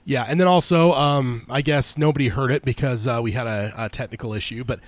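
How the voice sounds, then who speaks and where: A man co-hosts a casual podcast in a very dry-sounding recording. His middle-pitched voice is a little weak and strained from a recent illness. He talks in a halting, stop-start way, often circling back on himself. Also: no room sound. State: slightly weak, strained voice after being sick. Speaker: podcast co-host.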